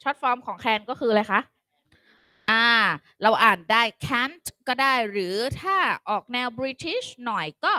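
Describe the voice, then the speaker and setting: Bright-voiced woman teacher quizzing students. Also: a little high, animated, slow pace, dry recording, studio quality. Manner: coaxing, quizzes students with frequent questions; calls students "child", softens lines with polite particles. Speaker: English teacher. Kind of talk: online classroom lecture.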